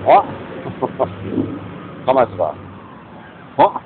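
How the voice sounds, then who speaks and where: A man's voice: medium pitch, wildly swooping pitch, very slow, gravelly. A man in his fifties talking in a rambling monologue, mixing English words into his speech and often adding tag questions. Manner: rambling, muttering asides. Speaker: street preacher livestreamer. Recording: tinny phone-like lo-fi audio with faint noise.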